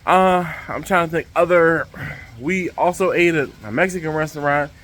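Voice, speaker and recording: A man hosting a casual vlog to camera, speaking outdoors over the rushing water of a waterfall by a pool. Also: a little high, fairly bright tone. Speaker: vlog host.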